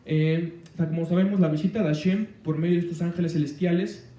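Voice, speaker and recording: A man's voice: fairly high pitch, fairly even intonation, fast, mellow, echoey room, recorded from a distance. A man preaching a sermon on the weekly Torah portion, rambling, with many fillers and restarts.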